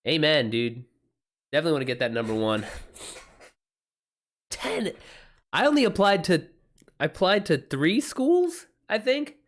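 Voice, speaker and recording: A livestream host and self-published author, he speaks with an American accent and riffs casually on viewer comments, slang included. His voice leans high and animated; the pace is measured, broken up by frequent pauses.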